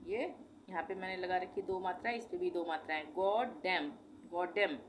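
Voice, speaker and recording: A woman's voice: fairly low pitch, brisk, a little hiss or hum. A woman teaching a language lesson, patiently spelling out words letter by letter and repeating each one.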